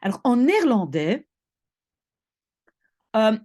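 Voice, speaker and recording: A woman language teacher patiently explaining spelling rules, often pausing to check that her students follow. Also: on the high side, very animated, a little mellow.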